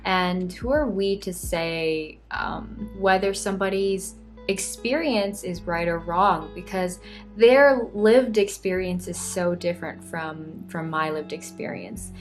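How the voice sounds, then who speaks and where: A woman in her twenties talking earnestly and reflectively in a personal vlog monologue. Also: fairly low pitch. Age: 20s. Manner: earnest, soft-spoken, reflective. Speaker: vlogger.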